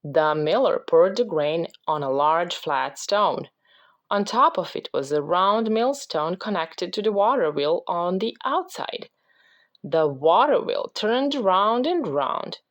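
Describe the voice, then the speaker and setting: A woman reading a children's picture book aloud as a parent, with slow, expressive storytelling. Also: lowish voice, dull audio.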